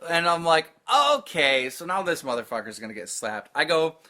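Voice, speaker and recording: A man's voice: a little high, fairly quick. A man co-hosting a podcast, telling profane stories in a casual chat and mimicking other people's voices as he retells them. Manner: animated, profane storytelling. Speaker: podcast co-host.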